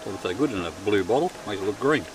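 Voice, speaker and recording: This middle-aged Australian outdoor vlogger, camping and fishing on a riverbank at night, talks casually to camera in a relaxed, chatty, self-amused camp narration. His fairly low voice is expressive and fast, with music in the background. Recording is from a distant camera mic, with outdoor night noise around him.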